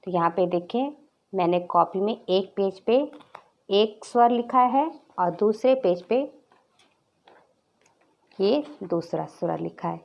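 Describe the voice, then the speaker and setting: Slow, gravelly-voiced woman teaching toddlers. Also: medium pitch, highs cut off. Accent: Hindi. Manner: drawn-out repetition, stressing each letter. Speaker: nursery teacher. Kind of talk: slow, clear classroom lesson for small children.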